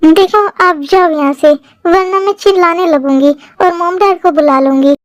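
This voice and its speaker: A woman's voice: very high-pitched, normal speed, dry recording. A woman voicing a timid teenage schoolgirl in a Hindi fan-dub drama, pleading and easily brought to tears. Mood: scared.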